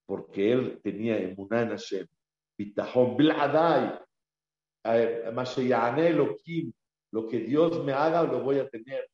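Emphatic man teaching in an echoey room. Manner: emphatic, swings from loud exclamations to low murmurs; repeats key phrases for emphasis, asks the audience questions. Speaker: religious teacher. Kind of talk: Torah class in Spanish. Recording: echoey room, slightly dull lo-fi sound.

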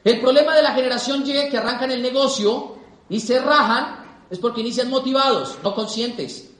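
A young man giving an animated seminar talk to a live audience, repeating points for emphasis. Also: very high voice, normal speed. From Colombia. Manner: animated, repeats for emphasis, acts out quoted people. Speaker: motivational speaker. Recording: echoey hall.

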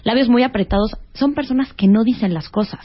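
A woman's voice: fairly high pitch, brisk, breathy edge, lo-fi sound. A woman explaining face reading as a guest expert in a casual talk-show chat, often ending with a questioning "no?". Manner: explanatory, rhetorical tag questions.

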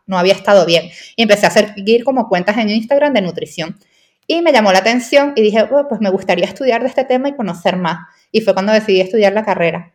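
A young Venezuelan woman with a Venezuelan Spanish accent and a medium-pitched voice chats casually as a podcast guest. She's a nutritionist, and she keeps sprinkling tag questions into her interview talk.

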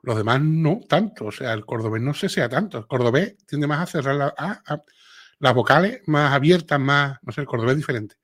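A man's voice: medium pitch, animated, a little fast, few pauses, a bit bright. Chatty Sevillian man hosting a livestream. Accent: Andalusian (Sevillian). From Seville, Spain. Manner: chatty, reads viewer comments aloud, frequent filler tags. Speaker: livestream host. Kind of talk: casual live chat with viewers.

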